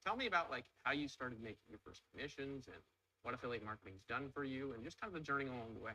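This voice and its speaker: Upbeat fast-talking male host. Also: medium pitch, lively intonation, pushed and bright, a little hiss or hum, rough recording. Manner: upbeat salesy enthusiasm. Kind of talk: casual interview.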